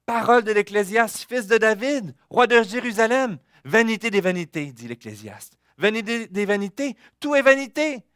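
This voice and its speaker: A male pastor, preaching a sermon in an earnest way that swings between hushed warnings and emphatic declarations. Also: sits high, no room sound, clean studio sound.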